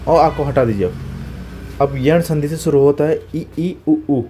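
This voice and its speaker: A man's voice: fairly high pitch, unhurried, dark tone, a little hiss or hum. A male teacher giving an exam-prep grammar lecture, spelling out sounds one by one and asking questions that he answers himself. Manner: checks in with "okay?" after each point.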